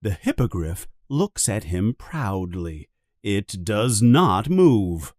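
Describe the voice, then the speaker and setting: A man narrating a simple storybook for learners in a very slow, expressive reading. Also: fairly low pitch, dry recording, clean studio sound.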